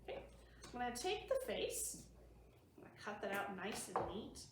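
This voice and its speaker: Hosting a library storytime, a woman reads aloud to young children and explains things in simple terms. Her medium-pitched voice is very animated and moves at a normal speed. The room is very echoey, with a distant mic and faint noise.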